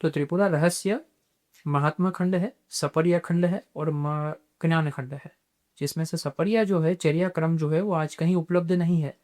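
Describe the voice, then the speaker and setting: A man, a guest on a podcast, explaining spiritual practice in a measured way and dropping English terms into his talk. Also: fairly high pitch, steady tone, darkish tone.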